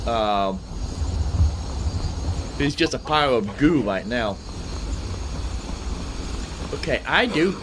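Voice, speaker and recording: A man streaming a game rambles through casual commentary, thinking aloud and often repeating himself. His medium-pitched voice has lively intonation, and he goes slowly with frequent pauses. Background noise can be heard.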